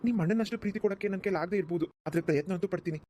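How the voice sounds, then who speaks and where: A woman's voice: on the low side, rapid-fire, mellow, a little hiss or hum, natural voice. A woman voicing a polite, earnest young groom who apologizes and reassures his bride in a cartoon. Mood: reassuring. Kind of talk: cartoon voice acting.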